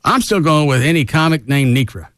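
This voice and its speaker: A man's voice: a little high, animated, brisk, fairly bright tone, no echo, studio quality. A man hosting a radio show in casual banter, with a wry, teasing manner.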